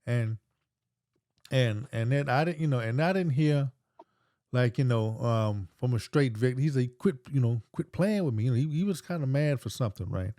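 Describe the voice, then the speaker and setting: A man's voice: mid-range voice, moderate pace, warm tone, no echo, clean studio sound. A man hosting a podcast, talking casually and hesitantly with many restarts. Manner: hesitant, restarts, filler-heavy. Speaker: podcast host. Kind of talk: casual talk-show chat.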